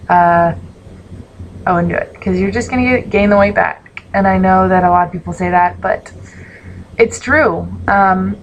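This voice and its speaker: A woman's voice: mid-range voice, low-quality recording. Young woman chatting to camera, kinda sleepy, lots of um and like, bit of hiss behind. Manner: rambling, lots of ums and likes. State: sleepy, yawning. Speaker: vlogger. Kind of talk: casual chat to camera.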